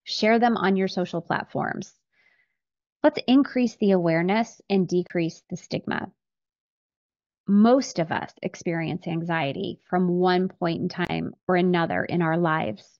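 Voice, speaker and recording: This podcast host has a lowish, darkish voice and speaks unhurriedly, with a muffled sound and no echo. A middle-aged woman in a small home office lined with bookshelves, she earnestly explains scripture in a faith-based monologue into a close boom-arm studio microphone.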